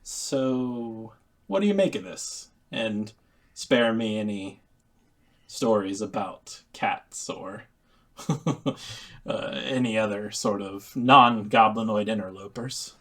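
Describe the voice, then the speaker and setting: A man voicing a stern male city official who wants things kept quiet, talking in a brusque, dry, mildly sarcastic way. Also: lowish voice, slow.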